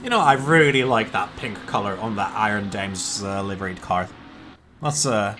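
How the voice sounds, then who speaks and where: A man's voice: on the low side, moderate pace, fairly bright tone, faint music behind. A man commentating a sim race in a casual, jokey way. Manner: jokey, swears, laughs between calls.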